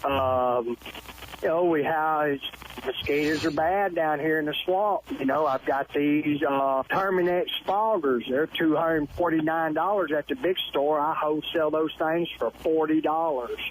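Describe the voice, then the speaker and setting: Shop owner, easygoing pitch, slightly high voice, faint hiss. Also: male voice, a little slow, poor audio. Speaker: store owner. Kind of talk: casual sales pitch. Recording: faint background noise.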